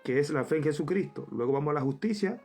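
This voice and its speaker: A man's voice: on the high side, animated, fast talker, darkish tone, slightly rough, soft background music. A man preaching a Bible study, reading verses aloud and repeating them for emphasis while calling the listeners brother.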